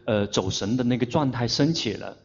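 A man interprets a meditation lesson very slowly and deliberately, often pausing to search for the right word. His voice sits in a middle pitch, and the recording sounds dull and lo-fi. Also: vocal fry, darkish tone, slight background noise. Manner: deliberate, searching for words, fillers like "this". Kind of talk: consecutive interpreting of a dharma talk.

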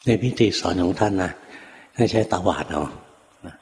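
An older man, a Buddhist monk, telling a story from his practice in a calm, unhurried dharma talk. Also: low-pitched. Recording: long hall reverb, faint noise.

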